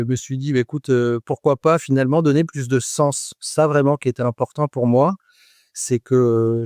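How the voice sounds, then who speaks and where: A man's voice: mid-range voice, darkish tone, no echo, clean studio sound. A man in his forties, a guest on a podcast interview, speaking with frequent hesitations, fillers and restarts. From France. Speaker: guest, rum producer.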